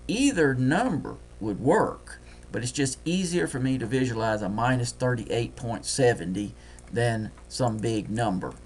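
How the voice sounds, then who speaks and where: A man with a Deep South accent, talking fast and folksy through a screen-recorded trading software tutorial. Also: expressive, slight background noise. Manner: folksy, talks fast while clicking.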